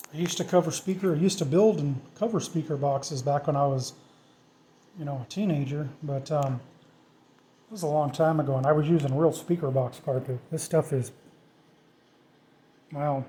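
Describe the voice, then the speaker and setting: A middle-aged DIY vlogger with a fairly high-pitched yet dark-toned voice narrates a hands-on tutorial while he works. He thinks aloud informally, poking fun at himself along the way.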